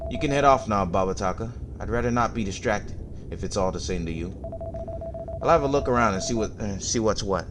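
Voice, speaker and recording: A man's voice: fairly low pitch, background noise, natural voice. A man voicing a self-important male explorer who talks in pompous, formal phrasing.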